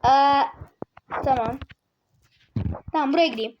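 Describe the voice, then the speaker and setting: A woman giving casual gameplay commentary, excitable, teasing other players and yelping or muttering to herself while she plays. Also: high-pitched, unhurried, muffled recording, background noise. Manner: excitable, yelps and mutters to self while playing. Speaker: gaming video creator.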